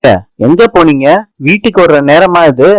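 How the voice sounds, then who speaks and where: A man voicing a sharp-tongued young wife who snaps back, in a serial recap. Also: a little high, moderate pace, dry recording, close to an everyday voice, poor audio. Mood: defiant.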